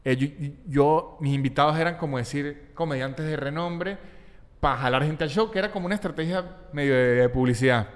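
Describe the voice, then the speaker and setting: A man's voice: a little high, a little fast. A man, hosting a casual podcast chat and acting out the dialogue in his stories. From Venezuela, Andes region. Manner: animated storyteller, acts out quoted dialogue. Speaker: podcast host. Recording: reverberant room.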